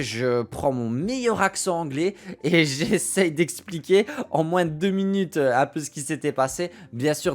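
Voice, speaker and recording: A young man from France recounting a personal story to his viewers, emphatic and prone to repeating phrases for effect. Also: on the high side. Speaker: streamer and video creator. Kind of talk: storytelling to camera.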